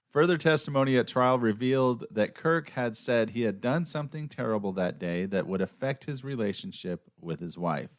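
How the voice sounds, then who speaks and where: A man's voice: medium pitch, expressive, normal speed. An American man hosting a true-crime podcast, reading scripted narration in a dry, sarcastic way between banter. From United States. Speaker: podcast host.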